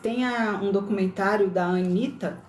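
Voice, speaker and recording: A woman's voice: mid-range voice, moderate pace, a little mellow, a little hiss or hum. Chatty woman with a Brasília accent. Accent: Brasília Brazilian Portuguese, slightly mixed. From Brasília, Brazil. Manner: chatty, many tag questions and self-corrections. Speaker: livestream host. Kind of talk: casual livestream talk on spirituality. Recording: roomy echo.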